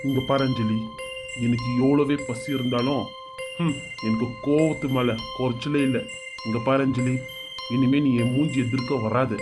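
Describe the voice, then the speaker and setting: A man's voice: mid-range voice, fairly even intonation, normal speed, over music, natural voice. A man voicing a stern, angry male in-law with a Bangalore Tamil accent, scolding harshly and dismissively in a cartoon serial.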